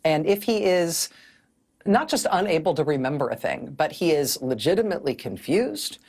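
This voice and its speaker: A woman's voice: low-pitched, very animated, moderate pace, a little mellow, breathy edge. A middle-aged woman hosting a televised news commentary, speaking in a wry, sardonic way on a studio mic. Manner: wry, sardonic, often laughing mid-sentence.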